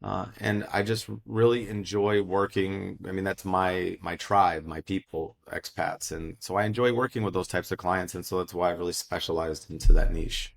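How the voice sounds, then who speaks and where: A middle-aged American man, a financial advisor, giving steady, explanatory answers in a casual interview. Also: deep voice, moderate pace, creaky, hardly any pauses. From United States.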